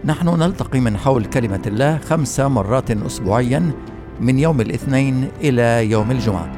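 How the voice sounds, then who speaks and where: A man presenting a scripted radio Bible study, telling a story in a measured, formal way. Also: medium pitch, lively intonation, over music.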